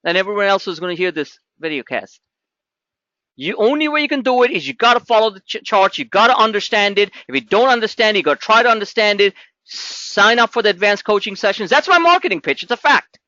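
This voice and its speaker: A middle-aged man hosting a trading webinar, talking in an animated, pushy salesman patter as he walks through charts. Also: high-pitched, fast, dry recording, lo-fi sound. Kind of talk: live trading webinar talk.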